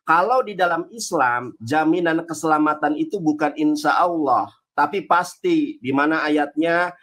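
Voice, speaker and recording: A man in an interfaith debate, explaining his faith and reciting Arabic verses in a slow, chanting way, teasing his opponent when interrupted. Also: fairly high pitch, fairly bright tone.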